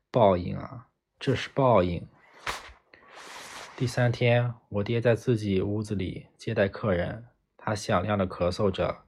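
A man's voice: lowish voice, husky. A man reading a novel aloud in the first person, narrating steadily and plainly as an audiobook reader.

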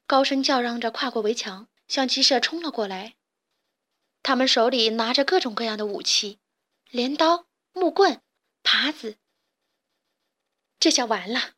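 A woman narrating a children's storybook in a lively, expressive way. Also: fairly high pitch.

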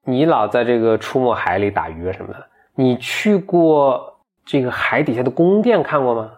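A man voicing a friendly magic sea turtle, folktale, eager, helpful, casual, mid pitch. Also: expressive, normal speed, lightly acted.

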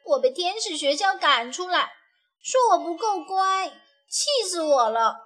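Brief: a woman voicing a spirited little angel girl for a storybook, excitable and indignant, high and bright. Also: measured pace, soft background music. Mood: excited. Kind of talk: storybook reading.

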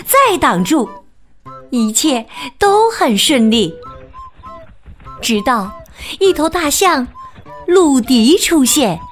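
Woman storyteller for kids' picture books; high, lively voice, slow and sing-song, soft music behind. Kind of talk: children's story reading.

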